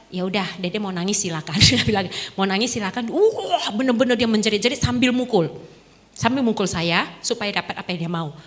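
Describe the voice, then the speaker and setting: Animated woman speaker in a reverberant hall. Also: a little high. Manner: animated, laughing often, acting out quoted voices. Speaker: dharma talk speaker. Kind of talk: lively storytelling talk to an audience. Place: temple hall.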